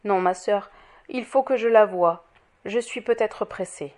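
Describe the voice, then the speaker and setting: A woman voicing a grave, calm male mayor who speaks softly and slowly. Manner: grave, low-voiced.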